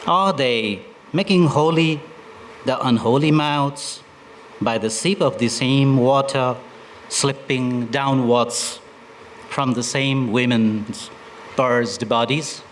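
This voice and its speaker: A man from Nepal, a poet reading his poems at a literature festival, slow and deliberate, with hesitant asides between poems. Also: medium pitch, a little hiss or hum, rough recording. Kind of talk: poetry recitation with spoken introductions.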